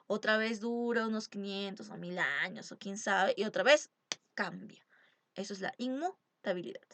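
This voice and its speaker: A woman's voice: mid-range voice, lively intonation, normal speed, a bit bright, a little hiss or hum. A woman teacher giving an exam-prep lecture, stressing key terms and asking rhetorical questions. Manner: emphatic, asks rhetorical questions.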